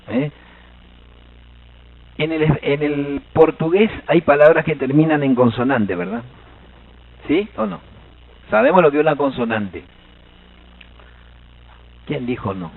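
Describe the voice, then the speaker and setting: An Argentine man lectures a seminar audience as a language teacher, lively and playful, tossing questions to the room. His voice is gravelly and sits at a middle pitch. The recording is thin and tinny, like a phone line. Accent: Argentine Spanish. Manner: animated, joking, quizzes the audience. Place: seminar hall.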